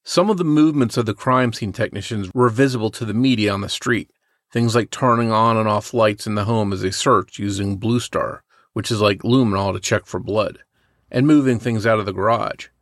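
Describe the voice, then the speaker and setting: A man co-hosting a podcast, reading a true crime story from a script in a measured way. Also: lowish voice, a bit bright, dry recording, clean studio sound. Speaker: podcast co-host.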